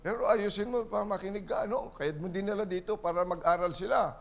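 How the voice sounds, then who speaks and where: High-voiced pastor preaching a sermon. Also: male voice, fast, gravelly. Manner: mixes preaching with playful asides to the congregation. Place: church.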